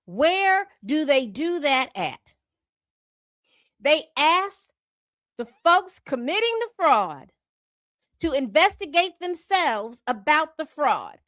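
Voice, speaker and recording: A woman's voice: high voice, sing-song, slow, pauses often, a bit bright, dry recording. A woman hosting a commentary channel, reading from a report and breaking off into exasperated asides. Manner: reads documents aloud then comments with exasperated asides.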